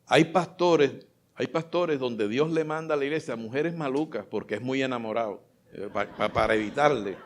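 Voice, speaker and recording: A pastor delivers a fervent sermon, his voice rising into loud declarations and then dropping to soft, intimate asides. He speaks in a middle register. His delivery is heartfelt and expressive. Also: mid-range voice, moderate pace. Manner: fervent preaching, swings between loud exclamations and soft asides.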